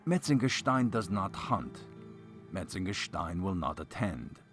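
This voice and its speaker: A man's voice: low-pitched, expressive, unhurried, music in the background. A man voicing a haughty, cold young baron in a gothic tale, with a hammy, theatrical, laconic delivery. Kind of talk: dramatic reading of gothic tale.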